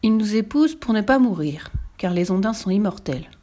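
A woman voicing a wise, gentle immortal mermaid in a read-aloud storybook. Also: medium pitch, expressive, normal speed, close to an everyday voice. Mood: knowing. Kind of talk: storybook reading.

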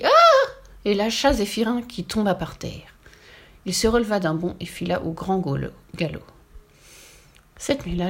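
A woman reading a children's storybook aloud in a lively, expressive way. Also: mid-range voice.

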